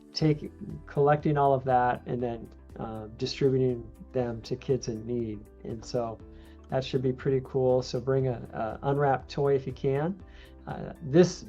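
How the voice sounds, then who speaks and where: A man hosting a live stream, making casual announcements in a halting, rambling way. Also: medium pitch, mellow. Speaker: webinar host. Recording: dull lo-fi live-stream audio.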